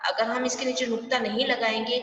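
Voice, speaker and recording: A woman teaching a primary school Hindi class online, patient, asking the children questions and answering them herself, and drawing words out slowly to show each sound. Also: fairly high pitch, level tone, fairly bright tone. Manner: draws words out slowly when demonstrating sounds. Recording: echoey, distant, dull room sound with faint hiss.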